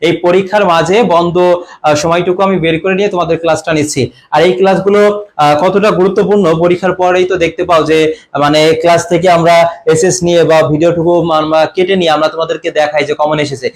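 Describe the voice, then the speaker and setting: A young man teaching an online exam-prep grammar class, often quizzing his students and clearing his throat. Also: high voice. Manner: quizzing students with repeated questions. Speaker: admission coaching teacher.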